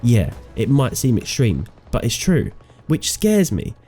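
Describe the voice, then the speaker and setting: Faint music plays as a sick gaming host with a mid-range, mellow, slightly nasal voice reads his scripted review. He speaks unhurriedly but with huge swings in pitch, and his tone is sardonic and opinionated.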